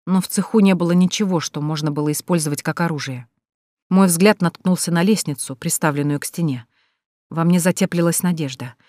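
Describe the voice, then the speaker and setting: A woman's voice: fairly low pitch, a little mellow, dry recording, clean studio sound. A woman reading a first-person audiobook with tense, dramatic storytelling. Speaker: audiobook narrator.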